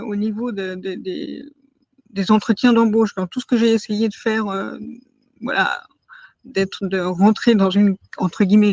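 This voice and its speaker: In an interview, a mid-range-voiced woman in her forties shares a personal testimony, speaking hesitantly with many fillers, restarts and words emphasized as if quoted. The audio is dry and dull.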